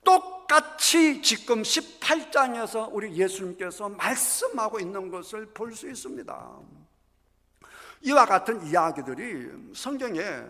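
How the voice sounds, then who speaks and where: High, gravelly-voiced male pastor preaching. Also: very animated, unhurried, sharp tone. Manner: emphatic, acts out scripture scenes dramatically. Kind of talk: sermon. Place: church sanctuary. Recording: echoey church hall.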